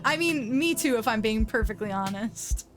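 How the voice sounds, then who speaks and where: A woman streamer gives playful, offhand commentary while reading a visual novel. She keeps breaking into giggles and jokes, with soft music running under her. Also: a little high, animated, normal speed. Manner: giggly, joking asides. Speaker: streamer playing a story game. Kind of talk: casual game commentary.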